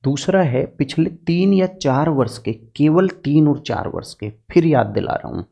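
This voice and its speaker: A man's voice: on the high side, lively intonation, moderate pace, vocal fry, warm tone. A man teaching political science exam strategy in an earnest, direct lecture, using homely farm examples to make his points.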